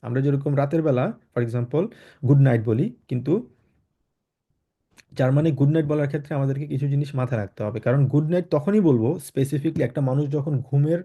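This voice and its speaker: A man's voice: medium pitch, a little fast, mellow. A man from Bangladesh teaching a German class online, explaining patiently with many fillers and mixing in English and German words. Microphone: video call. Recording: dull lo-fi online call audio.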